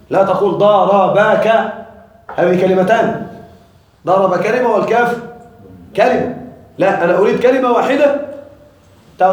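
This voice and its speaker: A man teaching an Arabic grammar lesson to a class, explaining patiently and often checking that his students follow. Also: high voice. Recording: echoey classroom from far off.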